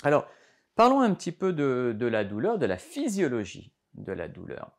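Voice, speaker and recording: Teaching a health lesson to camera, a middle-aged doctor gestures in a studio before a green backdrop, his speech dotted with fillers and restarts. He has a mid-range voice with huge pitch swings at a normal speed, and soft music plays in the background.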